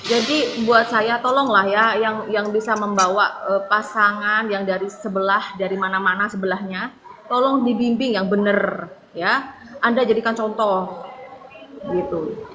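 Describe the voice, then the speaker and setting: A woman's voice: mid-range voice, fairly even intonation, a little slow, background noise. A woman from Madura, an evangelist preaching on a live stream, earnest and pleading, near tears at times, ending many phrases with a tag word. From Madura, Indonesia.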